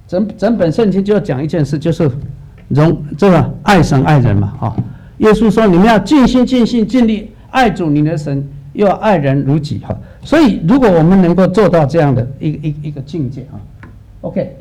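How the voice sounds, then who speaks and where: A middle-aged male pastor preaching a sermon, telling lively stories and acting out the dialogues. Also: fairly high pitch, fairly quick.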